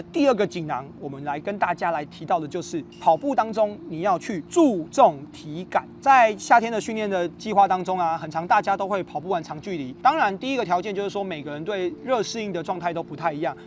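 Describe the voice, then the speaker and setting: A man with a Taiwanese Mandarin accent, hosting and coaching runners in an upbeat, explanatory way. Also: sits high. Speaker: running coach and host. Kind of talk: instructional video podcast. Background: faint music.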